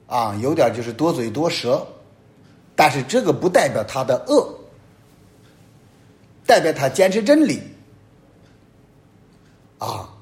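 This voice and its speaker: Male priest, fairly high voice, very animated delivery, emphatic homily with loud peaks and hushed drops. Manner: emphatic preaching, sweeping rises and drops in pitch and loudness.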